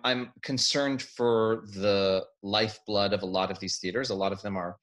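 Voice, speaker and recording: An American man with a fairly low voice talks casually and animatedly, gesturing as he goes. He is on a laptop webcam in a room at home. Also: steady tone, normal speed, a bit bright. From United States. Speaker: actor. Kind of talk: video call interview.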